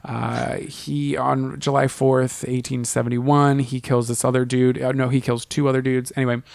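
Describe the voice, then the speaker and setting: A man's voice: medium pitch, flat delivery, normal speed, creaky, a little mellow, no echo, studio quality. A man co-hosting a podcast, telling a history story in a casual, comedic, profane way, rambling with lots of fillers. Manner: profane, rambling, full of 'like' and 'uh'. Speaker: podcast co-host.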